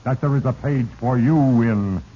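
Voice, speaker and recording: An actor playing Fate, a sinister, solemn narrator with a pompous, ominous delivery in a 1940s radio drama. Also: male voice, medium pitch, moderate pace, mellow, lightly acted. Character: Fate, sinister solemn narrator who manipulates mortal lives. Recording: muffled, noisy 1940s radio recording.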